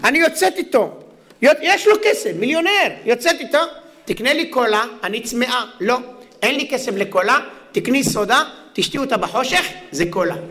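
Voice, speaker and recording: An indignant, fed-up wife complains in a high, bright voice, as a male preacher puts her on. She rants and protests in a string of grievances, in the middle of a spoken joke. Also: animated, exaggerated voice.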